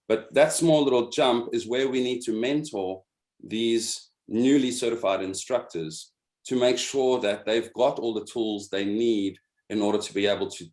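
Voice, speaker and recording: A low-pitched man talks over a video call from a noticeably echoey room. He explains a training program patiently and often repeats words as he searches for the next one. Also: darkish tone. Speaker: meeting presenter and instructor program lead.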